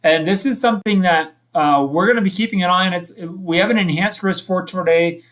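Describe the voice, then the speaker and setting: A man hosting a live weather stream, giving unscripted severe weather commentary in a halting, self-correcting way. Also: high voice, a bit bright.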